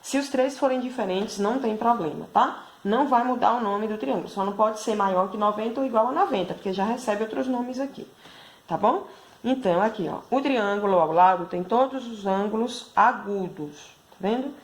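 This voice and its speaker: A woman with a fairly high voice and a moderate pace teaches math to schoolchildren by video. A primary school teacher with a Brazilian Portuguese accent, she explains patiently and checks in with frequent tag questions.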